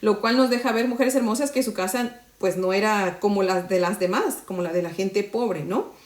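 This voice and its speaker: A Mexican woman teaches the Bible to women in a conversational, devotional style, often checking in with her listeners by asking "¿verdad?". Her voice is mid-range, her pace moderate, and the sound is roomy.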